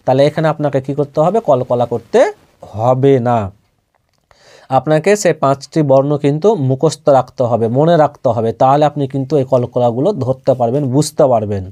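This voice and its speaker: A man teaching Quran reading, slowly spelling out and repeating syllables, then explaining in quick asides. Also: medium pitch, dark tone. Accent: Bangladeshi Bengali. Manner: repeats each syllable several times for learners. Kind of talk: slow spelled-out recitation lesson.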